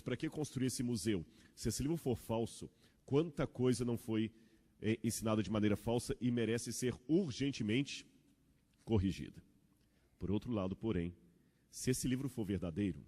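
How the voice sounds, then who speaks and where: A man from Brazil, preaching a sermon in a church with rhetorical questions and an animated storytelling manner. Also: lowish voice. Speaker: pastor. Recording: long church hall reverb.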